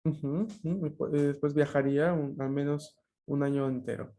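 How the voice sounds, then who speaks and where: A man's voice: a little high, steady tone, normal speed, mellow. A man teaching a language class over a video call, explaining patiently with frequent fillers and checking questions.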